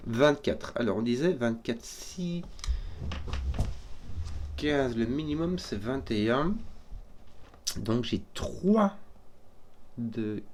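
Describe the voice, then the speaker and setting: A man solving a number puzzle out loud, hesitant and often correcting himself as he works through it. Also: mid-range voice, lively intonation, a little hiss or hum. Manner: hesitant, self-correcting, halting. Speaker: puzzle solver. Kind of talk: thinking aloud while solving a puzzle.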